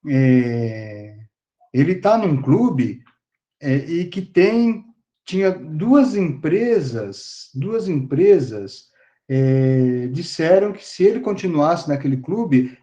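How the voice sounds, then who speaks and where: A man's voice: fairly high pitch, warm tone. A male professor giving an online class lecture in a conversational way, with many fillers and tag questions.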